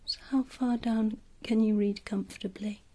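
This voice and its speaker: A woman whispering an eye-exam ASMR roleplay in a soft, gently encouraging, deliberate manner with dry playful humor. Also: medium pitch, steady tone, dry recording. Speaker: ASMR creator playing an eye examiner.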